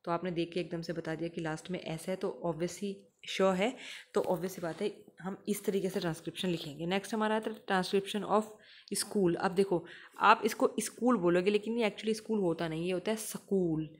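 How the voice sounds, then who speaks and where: A woman teacher, explaining English phonetic symbols and patiently repeating example words slowly. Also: fairly low pitch, fairly even intonation.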